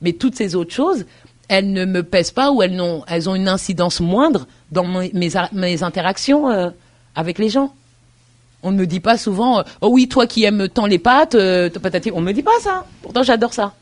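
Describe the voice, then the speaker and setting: A woman's voice: mid-range voice, animated, normal speed. A woman university lecturer answering interview questions earnestly, thinking aloud with hesitations and restarts and often checking that the listener follows.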